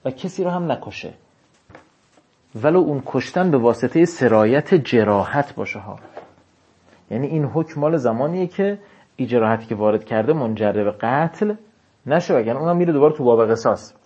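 A man giving a seminary lecture on religious law. He reads classical text out slowly, then explains it in casual speech. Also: mid-range voice, expressive, a little mellow, husky, dull audio.

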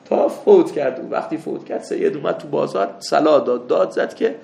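A man teaching a seminary lesson, mixing anecdotes with doctrine, swinging from loud rebukes to soft asides. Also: medium pitch, wildly swooping pitch, gravelly. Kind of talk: religious lecture with anecdotes. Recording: echoey room with faint ambience.

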